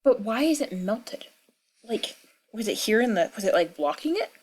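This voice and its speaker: A woman's voice: fairly high pitch, very animated, normal speed, a little mellow, breathy edge. A young woman with a cold rambling through casual gaming commentary at home, chatty and full of fillers and asides. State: sick with a cold, clearing throat. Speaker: gaming vlogger. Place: at home in the country.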